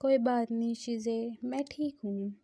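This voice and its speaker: A woman's voice: on the high side, a little slow, dark tone. A woman voicing a cheerful, whiny young male student in a storybook reading. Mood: eager.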